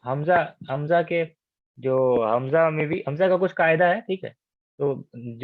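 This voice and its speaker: A man from India teaches Arabic grammar over an online call, patiently explaining and often checking that students follow. He drills words slowly and repeats them. His voice comes through a dry, tinny, phone-like line. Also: on the high side, no echo.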